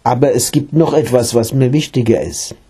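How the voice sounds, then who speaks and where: A man's voice: medium pitch, normal speed, warm tone, breathy edge. Man reading as an earnest young seeker. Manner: eager, questioning. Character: earnest young male seeker asking about meditation.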